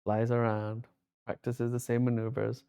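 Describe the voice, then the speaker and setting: A man co-hosting a podcast in casual chat, relaxed, often quoting lines from a show. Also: medium pitch, normal speed, creaky, clear, resonant tone. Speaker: podcast co-host.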